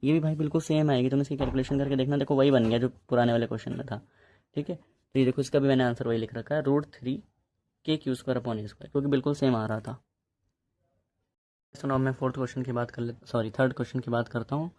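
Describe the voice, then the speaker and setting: A man's voice: medium pitch, fairly even intonation, fast, dark tone. A man teaching a physics lesson in a casual, chatty way, often checking in with his students. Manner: chatty, addresses students as bhai, repeats ok.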